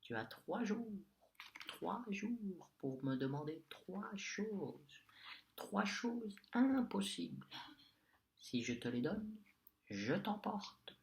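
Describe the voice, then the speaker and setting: A man voicing a mean old witch with a small, sharp, sour voice, a whispered role-play as he reads a storybook tale. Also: high-pitched, big pitch swings, slow pace, creaky, slight background noise, voice pushed up, heavily acted. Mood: sneering. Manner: sneering, mocking.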